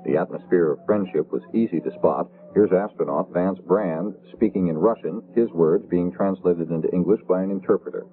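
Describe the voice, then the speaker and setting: Low-voiced man network news anchor. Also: moderate pace, few pauses. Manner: formal announcer delivery. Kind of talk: scripted newscast. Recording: tinny 1970s radio broadcast.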